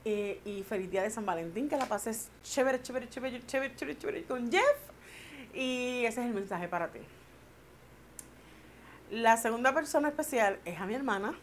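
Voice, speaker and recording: Playful woman vlogger, high voice. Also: lively intonation, normal speed, pauses often, slight background noise. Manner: playful, chatty, joking; tender and sentimental. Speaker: beauty vlogger. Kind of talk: casual tag video chat.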